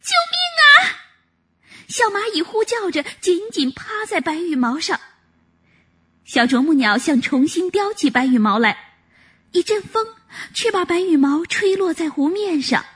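A woman narrating a children's story in an expressive, animated way. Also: very high voice, measured pace.

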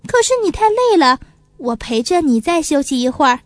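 A woman's voice: sits high, big pitch swings, dry recording. A woman voicing a kind but busy female magpie who looks after a little pigeon in a children's story. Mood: caring. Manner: warm, chiding, hurried.

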